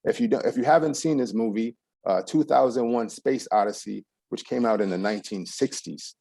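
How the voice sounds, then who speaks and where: This middle-aged Texan from San Antonio has a warm, medium-pitched voice with vocal fry and a brisk delivery. His talk to the audience wanders, peppered with ums and false starts, with no echo in the audio.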